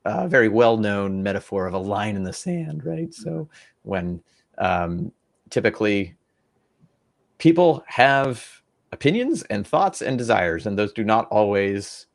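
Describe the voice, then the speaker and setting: A young man co-hosting a casual podcast explains an idea in a lowish voice with vocal fry, big pitch swings, and a measured pace. He's thoughtful but rambling, full of fillers and restarts.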